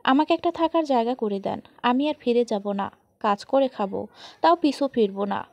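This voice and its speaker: A woman's voice: on the high side, animated, moderate pace, dry recording. A woman voicing a frightened young bride who has fled her wedding, telling her story plainly and pleading for shelter.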